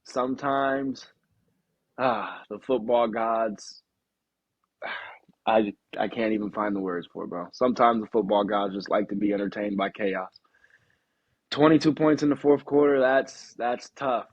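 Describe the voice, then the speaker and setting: A man's voice: fairly low pitch, unhurried, no room sound, lo-fi sound. A young man co-hosting a sports podcast, talking casually with lots of slang and frequent laughs. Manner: animated, slangy, laughs often. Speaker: podcast co-host.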